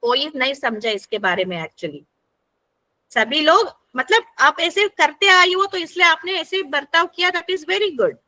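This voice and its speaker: A woman's voice: sits high, animated, a little slow, bright, forceful tone. A woman facilitating an interactive workshop for a group, talking conversationally and often checking in with her listeners.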